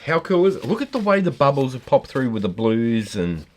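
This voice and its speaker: A man's voice: medium pitch, big pitch swings, a little fast. A middle-aged man, bantering in an easygoing, encouraging way. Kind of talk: casual chat.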